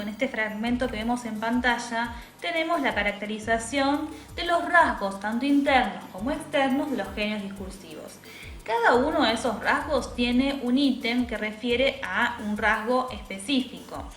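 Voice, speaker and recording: A woman teacher, patiently explaining a software tutorial step by step and checking in with tag questions. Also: a little high. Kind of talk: screen-recorded software tutorial. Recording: echoey room with faint music.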